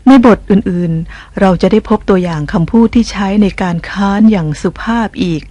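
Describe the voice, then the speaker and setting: A woman teaching as a language teacher, narrating a scripted lesson in a gentle, polite explaining tone. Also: mid-range voice, moderate pace, dry recording. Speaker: English teacher.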